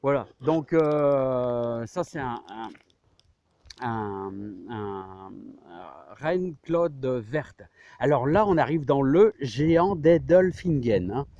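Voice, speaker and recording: A man's voice: mid-range voice, expressive, takes it slowly, mellow, muffled recording. A middle-aged man giving a casual, enthusiastic garden tour outdoors, hesitant and rambling, often repeating himself and tacking on little tags. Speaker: amateur orchard owner showing his trees. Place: outdoors in an orchard.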